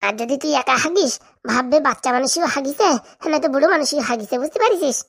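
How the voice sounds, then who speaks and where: A woman's voice: high-pitched, expressive, fast. A woman voicing a crafty, boozy middle-aged village man in a comedy cartoon, bossy and lecturing. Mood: scheming.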